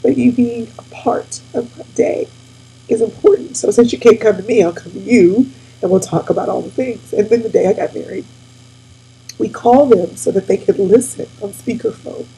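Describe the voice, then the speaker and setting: A woman in her forties speaks to her viewers in a husky, gravelly voice that stays mellow and dark in tone. She is weepy and close to tears, and she keeps turning to her audience with a friendly "y'all." A faint mains hum sits underneath. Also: fairly high pitch, moderate pace, rough recording. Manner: tearful, addresses audience as y'all. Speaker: host. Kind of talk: casual heartfelt talk to viewers.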